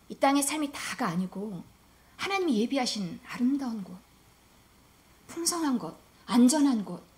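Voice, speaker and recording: High-voiced woman preaching earnestly. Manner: earnest, emphatic preaching that drops to soft near-whispers. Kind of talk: sermon.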